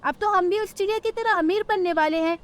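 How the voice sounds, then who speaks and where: A woman's voice: very high voice, fast talker. A woman voicing a scheming, greedy female crow in a cartoon, whining and haughty by turns. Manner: whining, then haughty and scornful.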